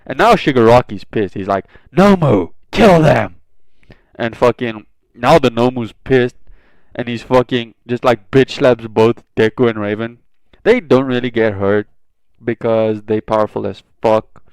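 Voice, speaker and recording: A man's voice: mid-range voice, moderate pace, clear, resonant tone, dry recording, poor audio. Swearing, rambling man retelling a story. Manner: rambling, heavy swearing, frequent fillers. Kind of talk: casual fan story retelling.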